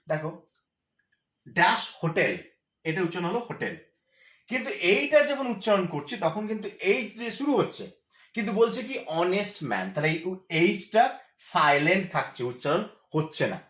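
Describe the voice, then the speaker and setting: Male grammar tutor, lively and fairly high voice, patient and repetitive, echoey room. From West Bengal, India. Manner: patient, repeats each point, asks and answers his own questions. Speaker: English grammar teacher. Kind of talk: explanatory lesson to students.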